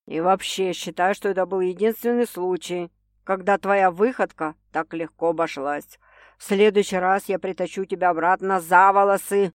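A woman's voice: steady tone, no room sound, clean studio sound, close to an everyday voice. A woman doing a wry, domineering young man. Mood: wry, teasing. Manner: slow, low and wry. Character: teasing, domineering young man, ironic lover. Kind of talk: audiobook character voice.

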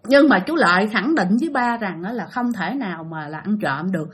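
A woman's voice: mid-range voice, expressive, brisk, slightly rough. A woman telling a ghost story in a chatty, casual way, speaking straight to her listeners. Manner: chatty, addresses listeners directly.

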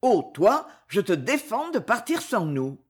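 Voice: medium pitch, sing-song, unhurried, breathy edge. A reader voicing a restless young reporter. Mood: weary. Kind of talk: audiobook dialogue.

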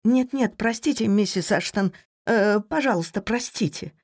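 A woman's voice: medium pitch, moderate pace, darkish tone, breathy edge, no echo, studio quality, voice pushed up. A woman voicing a stammering flustered young cook. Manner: stammering, apologetic.

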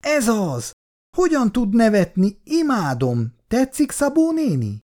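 An excitable, bubbly young woman student from a read-aloud storybook, her voice high and springy, as a male reader puts her on. She speaks eagerly, with a lively rise and fall.

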